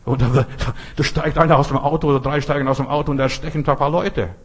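A man preaching with a husky, slightly breathy voice. He talks straight to the listener, leaning hard on repeated phrases and pointed asides. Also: medium pitch, fairly even intonation, fast. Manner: direct, addresses listener as du, emphatic repetitions. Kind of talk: sermon.

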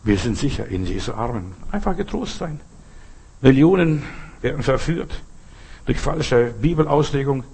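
A man's voice: medium pitch, expressive, normal speed, vocal fry, a little mellow, husky. An older man, a pastor, preaching an earnest sermon and telling stories with acted-out quotes.

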